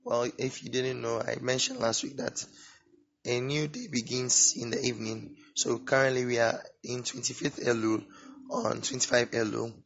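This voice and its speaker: A man's voice: mid-range voice, vocal fry, fairly bright tone. Man with a swollen, sore-throat voice, lo-fi. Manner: halting, apologetic, repeats words. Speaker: podcast host. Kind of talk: informal religious teaching podcast. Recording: dull lo-fi audio, music behind. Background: background music.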